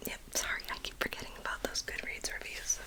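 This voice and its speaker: A woman doing a whispered role-play as a librarian, speaking in a soft, breathy library whisper with a gentle, unhurried manner. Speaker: librarian in a role-play, recommending and checking out books.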